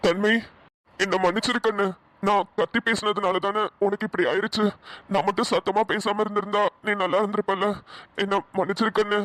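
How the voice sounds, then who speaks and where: A woman voicing a quick-tempered middle-aged father in a cartoon, speaking with a Kongu Tamil accent, firm at first and later apologetic. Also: medium pitch, flat delivery, a bit bright, no room sound, natural voice. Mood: remorseful. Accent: Kongu Tamil (Namakkal). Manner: gruff, then remorseful and pleading. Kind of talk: cartoon voice acting.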